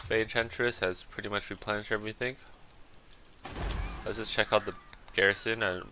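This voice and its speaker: A man's voice: lowish voice, fairly even intonation, moderate pace, very noisy. A man playing a strategy game and talking through his moves aloud in casual commentary. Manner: muttering his plans aloud as he plays. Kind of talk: casual let's-play commentary.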